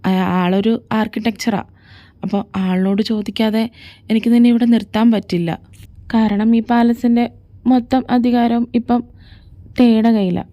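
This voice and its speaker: A patient young man talks his friend down in a soothing, reasoning way, as a woman voices him. The tone is mellow and fairly high. This is a homemade fan audio drama. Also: steady tone, moderate pace, lightly acted. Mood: calm.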